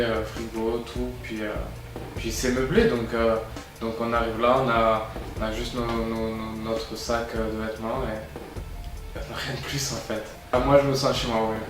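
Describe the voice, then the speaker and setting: A man's voice: mid-range voice, heavy reverb, far from the mic, low-quality recording. A young man from Brussels, a resident talking casually in an interview and often repeating words while he searches for them. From Brussels, Belgium.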